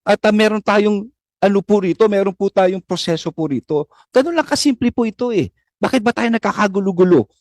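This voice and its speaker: Isang lalaking opisyal ng gobyerno na mahinahon at mapagpakumbabang nagpapaliwanag sa isang pagdinig. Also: male voice, sits high, lively intonation, darkish tone, no echo. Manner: measured, conciliatory, explaining. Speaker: government official answering questions. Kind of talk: formal hearing testimony. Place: hearing room.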